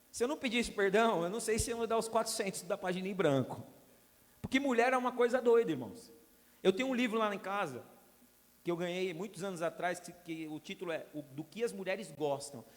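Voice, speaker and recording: High-voiced pastor in a reverberant hall. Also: male voice, animated, fast talker. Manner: storytelling, humorous asides to the congregation. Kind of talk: sermon. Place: church hall.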